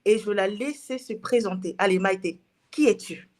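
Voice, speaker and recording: A woman's voice: mid-range voice, normal speed, darkish tone. A woman hosting a casual interview, effusive and often exclaiming in amazement. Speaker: host.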